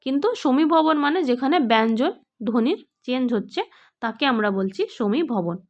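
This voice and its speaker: A woman's voice: high voice, lively intonation, normal speed, lo-fi sound. A woman teaching an exam prep grammar lesson, asking questions and then answering them herself.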